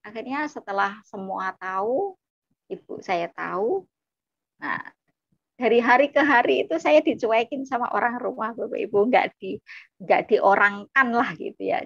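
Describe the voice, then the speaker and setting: A woman's voice: mid-range voice, gravelly, fairly bright tone, no echo, muffled recording. A woman giving a personal testimony to a congregation, often addressing her listeners and repeating her phrases. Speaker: testimony speaker.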